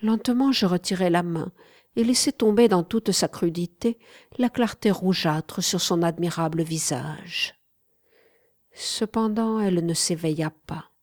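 A woman reads a classic novel aloud in a slow, hushed way, often sinking into a whisper. Her voice sits a little low. The recording is dry and close to the mic. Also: dry recording. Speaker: audiobook narrator. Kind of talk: literary audiobook narration.

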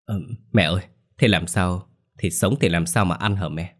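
Timid middle-aged lady stammering and begging, guy reading her, low-pitched. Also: normal speed. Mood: pleading. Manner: stammering, pleading. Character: timid middle-aged daughter-in-law, pleading and meek.

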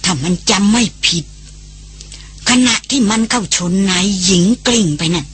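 A woman reading an audiobook voices an old male master hunter who talks gruffly and grumbles. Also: medium pitch, moderate pace, a little hiss or hum, close to an everyday voice. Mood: explaining. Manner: gruff, irritable teasing.

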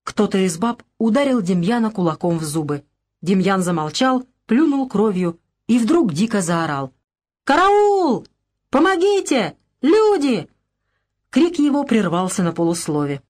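A woman reading a literary story aloud as narrator, steady storytelling. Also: mid-range voice, normal speed. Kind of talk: audiobook narration.

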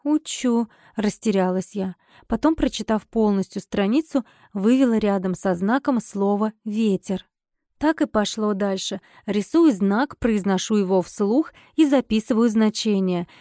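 A woman narrating a first-person audiobook expressively, her dialogue flaring into sharp irritation. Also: mid-range voice, normal speed, dry recording, studio quality.

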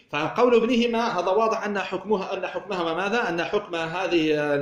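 A man teaches grammar at a fast clip, his voice sitting high. He keeps asking a question and then answering it himself, restarting phrases along the way. The room around him is echoey. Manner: explanatory, asks himself questions and answers them, many restarts. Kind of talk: recorded grammar lesson.

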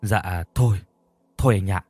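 A man voicing a young husband who hides a secret, speaking low and subdued to others and gleefully at home, in an audio storybook. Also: normal speed, a little mellow, dry recording.

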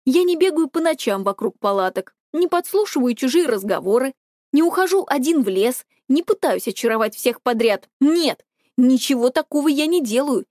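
A woman's voice: high-pitched, animated, normal speed, darkish tone, no room sound, clean studio sound. A woman voicing a spiteful, controlling teenage older brother who talks in a sneering, scornful way.

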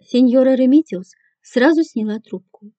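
A woman narrating an audiobook in a measured, even reading voice. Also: sits high, no echo. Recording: dull, dry lo-fi recording.

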